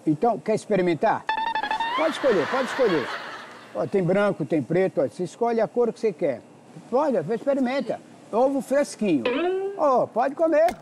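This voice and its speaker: Brazilian guy pranking people at a supermarket, really high lively voice, teasing and yelping. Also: moderate pace, over music. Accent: Brazilian Portuguese. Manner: playful, teasing, yelping when chased. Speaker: hidden-camera prankster. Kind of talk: hidden-camera prank.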